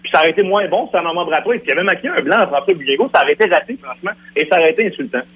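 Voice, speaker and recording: Heated radio guest: Quebec French man, husky and insistent. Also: on the high side, expressive, rapid-fire, fairly bright tone. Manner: insistent, argumentative. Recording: lo-fi radio broadcast.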